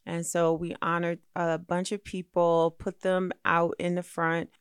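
Brief: middle-aged woman guest, animated storyteller, low smooth resonant voice, dry close sound. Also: measured pace, no echo. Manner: lively, expressive storyteller with laughter. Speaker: magazine founder and editor being interviewed. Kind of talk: animated storytelling in a conversational interview.

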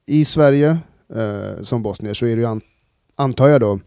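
Mellow-voiced man asking hesitant questions. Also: mid-range voice, vocal fry, clean tone, no room sound, clean studio sound. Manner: hesitant questions, many fillers and restarts. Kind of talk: casual chat.

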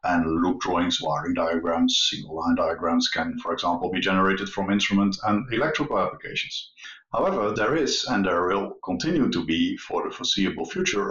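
A man's voice: deep voice, a bit bright, echoey room, muffled recording. A man speaking as an industry consultant guest on a podcast, explaining in a matter-of-fact way. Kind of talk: podcast discussion.

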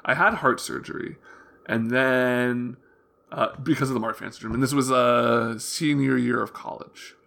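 A young man with prominent vocal fry talking openly in a casual interview, earnest and rambling, often backtracking as he tells his story. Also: mid-range voice, pushed and bright. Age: young adult. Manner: hesitant, rambling, self-correcting storytelling; open, earnest. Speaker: interview guest.

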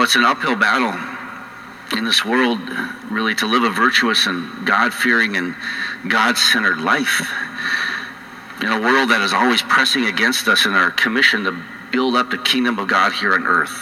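Male priest, middle-aged, North Dakota accent, conversational homily with pauses, bright forceful tone, long church reverb. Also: fairly low pitch, slight background noise. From North Dakota, United States. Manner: conversational, halting, with frequent pauses. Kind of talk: homily to a congregation. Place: large church indoors.

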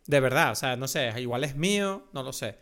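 A man's voice: mid-range voice, animated, fairly quick, fairly bright tone. A man with a Venezuelan accent, co-hosting a podcast and chatting about films in long, rambling turns. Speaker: podcast co-host. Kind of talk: casual film chat.

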